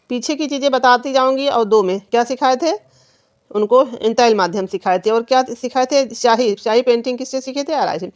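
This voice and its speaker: Higher-pitched woman quizzing her students. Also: no echo. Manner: repetitive quizzing, asks and answers own questions. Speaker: teacher. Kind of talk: exam-prep lesson.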